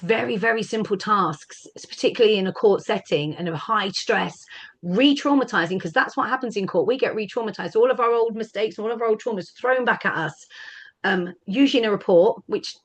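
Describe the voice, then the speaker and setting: A woman's voice: medium pitch, moderate pace. This is a woman from the UK giving personal testimony at a panel. She speaks earnestly as a parent, stressing simple points by repeating them. Her voice sits in an ordinary middle register. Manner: earnest, emphatic, repeats phrases. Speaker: parent speaking about lived experience.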